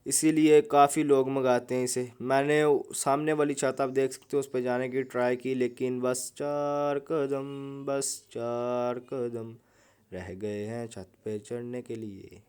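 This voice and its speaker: A man's voice: medium pitch, a little mellow, clean tone. Chatty young man joking through gameplay. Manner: joking, chatty, keeps saying "bhai sahab". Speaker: gaming YouTuber. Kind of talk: casual gameplay commentary.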